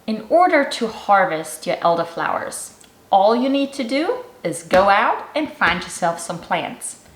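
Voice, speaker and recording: A woman's voice: mid-range voice, sing-song, measured pace. Chatty woman from Germany, echoey room. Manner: chatty and instructive, explaining step by step. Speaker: cooking channel host. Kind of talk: casual how-to vlog narration.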